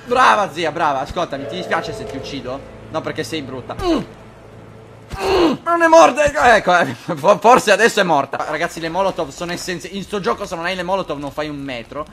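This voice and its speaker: A young man doing casual game commentary, animated and crude, often shouting and laughing. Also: on the high side, fast, few pauses, soft background music. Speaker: gaming video host. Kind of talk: casual Let's Play commentary.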